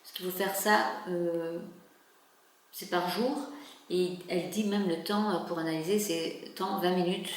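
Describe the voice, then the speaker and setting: A woman's voice: lowish voice, fairly even intonation, a little slow. A middle-aged woman chatting casually in a vlog, hesitant and rambling, with many fillers and restarts. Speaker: vlogger. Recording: very echoey room, faint background noise.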